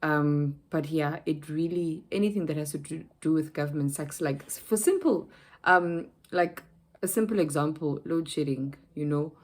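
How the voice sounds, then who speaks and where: A woman's voice: sits low, moderate pace. A young South African woman vlogging in casual chat, telling a rambling story with lots of fillers and restarts.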